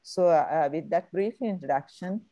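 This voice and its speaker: A woman's voice: fairly low pitch, normal speed, dark tone, dry recording, muffled recording. A woman moderating an online talk, introducing the guest with frequent fillers and hesitations, speaking into an earphone mic on a video call. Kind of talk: formal introduction.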